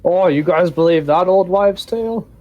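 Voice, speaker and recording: A man's voice: sits high, moderate pace, mellow, muffled recording, voice pushed up, close to an everyday voice. A man voicing a hungry male goblin prisoner chained to a wall, indignant and pleading in a tabletop game. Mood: scoffing.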